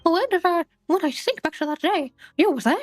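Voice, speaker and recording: Girl putting on a squeaky cartoon mouse guy, super high falsetto, bouncy, swoops around, dry. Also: lively intonation, fairly quick, dry recording, faint music behind. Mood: squeaky, theatrical. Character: squeaky little male cartoon mouse, Mickey Mouse.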